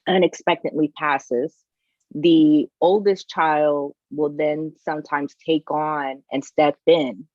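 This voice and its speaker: A woman's voice: sits low, darkish tone, no echo, muffled recording. A woman co-hosting a casual podcast chat, thinking aloud and restarting her sentences. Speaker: podcast co-host.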